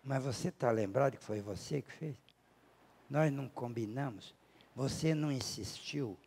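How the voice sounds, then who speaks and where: A man with a Brazilian accent giving a spiritual lecture, telling a personal story, acting out the dialogue and slowing down to stress key words. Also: mid-range voice, vocal fry, slightly rough. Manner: storytelling, acting out dialogue with big shifts in loudness. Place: lecture hall at a spiritist center.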